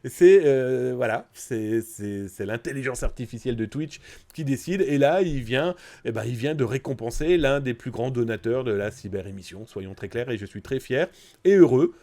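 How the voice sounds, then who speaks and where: Warm in tone and medium in pitch, this man's voice has lively intonation and a moderate pace, though his nose sounds blocked and nasal. He runs a live news stream casually, chatting directly with viewers.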